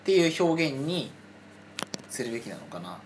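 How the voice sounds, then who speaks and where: A man's voice: a little high, very animated, moderate pace, slight background noise. A man in casual podcast chat, giving frank feedback and murmuring agreement.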